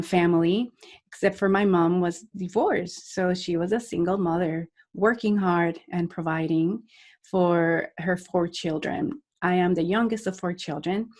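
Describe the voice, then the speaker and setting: On a podcast interview, a Puerto Rican woman who works as a life coach talks in an earnest, reflective way. Her fairly low voice has a slightly mellow quality, and her speech is dotted with frequent restarts and laughter.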